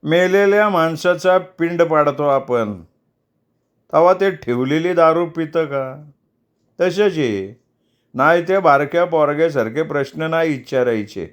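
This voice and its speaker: A man's voice: fairly high pitch, unhurried, clear, resonant tone, pitched above the performer's own voice, close to an everyday voice. A man voicing a pushy, greedy middle-aged fixer, bullying and scornful. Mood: self-righteous. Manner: bullying, scornful, self-important.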